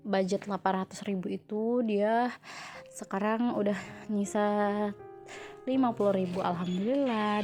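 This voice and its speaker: A young woman vlogger, her nose stuffy from a cold, chats casually to viewers with many fillers over a home budgeting voice-over. Her voice is medium-pitched, recorded on a phone.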